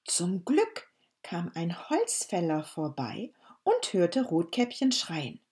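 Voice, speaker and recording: A woman telling a fairy tale aloud at an unhurried, deliberate pace. Her voice is soft and breathy, and her pitch swoops up and down expressively with each turn of the story. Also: huge pitch swings.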